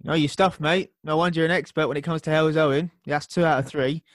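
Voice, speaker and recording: A man's voice: a little high, steady tone, quick pace, no echo, clean studio sound. A man hosting a podcast, running a casual quiz with friendly teasing. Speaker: podcast host.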